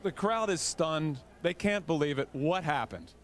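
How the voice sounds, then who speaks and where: A man's voice: on the high side, unhurried, slight background noise. A man interviewing a fighter after the bout with pointed, probing questions. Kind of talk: broadcast interview.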